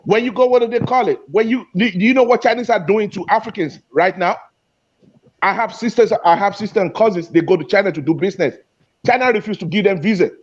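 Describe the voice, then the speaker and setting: High-voiced man arguing heatedly. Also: fast talker, highs cut off. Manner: passionate, repeats and restarts phrases. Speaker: guest speaker in an online discussion. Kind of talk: heated debate.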